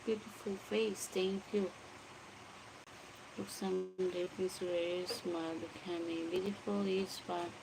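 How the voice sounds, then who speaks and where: Greeting her livestream audience by name, a Filipino vlogger in her forties reads and responds to comments from home at night. Her lowish, gravelly voice is slow and flat, with a Filipino accent and constant noise running underneath.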